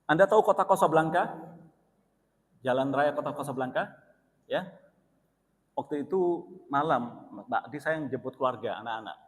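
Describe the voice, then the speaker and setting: Lively preacher in an echoing mosque hall. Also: male voice, on the high side, moderate pace, pauses often. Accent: Indonesian, East Javanese. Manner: lively storytelling, swings from loud exclamations to soft asides. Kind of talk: mosque sermon with personal story. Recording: long reverb of a mosque hall.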